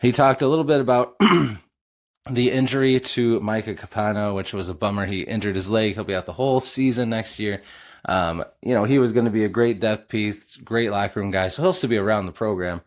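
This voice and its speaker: A middle-aged man with a lowish voice hosts a sports podcast. He talks casually as an eager fan and drops frequent filler uhs between thoughts. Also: steady tone, a little fast.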